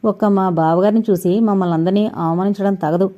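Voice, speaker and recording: A woman's voice: mid-range voice, fairly even intonation, brisk, natural voice. A woman voicing a bossy, reproachful man of the household in a dull lo-fi recording.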